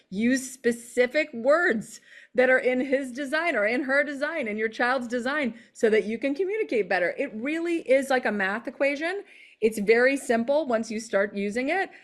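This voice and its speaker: A woman coach talking in a podcast conversation, animated and quick to act out what people say. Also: a little high. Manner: animated, acts out quoted voices. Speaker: guest coach.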